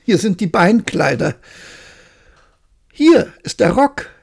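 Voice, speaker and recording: A woman voicing two sly male swindlers who pose as weavers, speaking in a bright, fawning, showy way in a bedtime storybook reading. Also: medium pitch, sing-song, slow pace, creaky, slightly rough, exaggerated voice.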